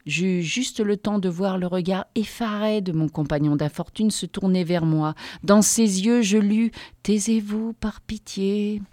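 A woman reading a first-person story aloud as an audiobook narrator, measured and expressive. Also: mid-range voice, no echo, studio quality.

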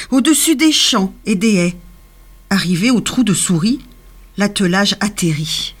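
A woman reading a children's storybook aloud in an expressive, sing-song way. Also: mid-range voice.

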